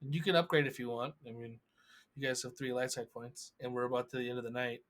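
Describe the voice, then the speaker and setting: A man's voice: mid-range voice, fairly even intonation, quick pace, fairly bright tone. A man running a tabletop game as game master, describing scenes in a loose, stop-start way with fillers.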